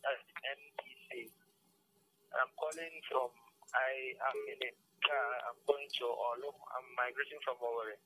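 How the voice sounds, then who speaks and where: A man's voice: mid-range voice, fairly even intonation, moderate pace, pushed and bright, a little hiss or hum. A man calling in to a radio show over a clipped phone line, earnest and hesitant with many fillers. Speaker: phone-in caller. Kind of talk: radio call-in opinion.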